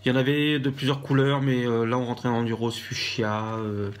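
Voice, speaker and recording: A man's voice: mid-range voice, flat delivery, normal speed. French guy doing a craft haul vlog, lots of ums, faint hiss behind him. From France. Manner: hesitant, many fillers and restarts. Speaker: vlogger.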